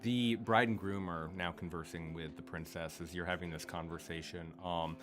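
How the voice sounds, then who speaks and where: Man, game master, lowish voice, halting improvised narration, faint music behind. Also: fairly even intonation, fairly bright tone. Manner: halting, deliberate storytelling.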